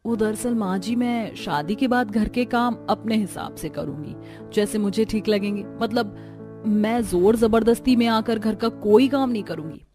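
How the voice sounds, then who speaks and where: A woman playing a lazy, defiant young bride in an animated family story, talking in a bold, sassy way. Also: medium pitch, moderate pace, music in the background, natural voice. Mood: firm.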